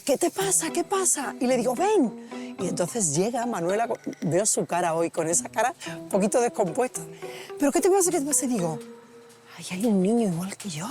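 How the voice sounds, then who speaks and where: Storyteller woman, slightly low voice, animated, does the voices; music bed underneath. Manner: animated, acts out voices in her stories. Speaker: guest. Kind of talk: casual storytelling. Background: background music.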